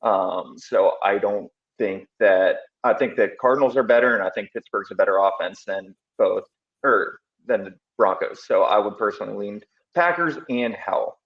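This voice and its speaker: A man joining a fantasy football chat over a video call, relaxed and full of ums. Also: fairly low pitch, normal speed. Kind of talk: casual sports advice chat. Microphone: remote video call. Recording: dull roomy video call audio.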